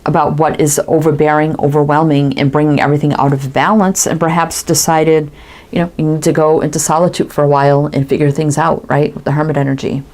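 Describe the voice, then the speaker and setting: A woman's voice: deep voice, little pitch movement, quick pace, a little mellow. A woman giving a casual tarot reading, musing aloud and tagging her thoughts with "right?". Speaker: tarot reader.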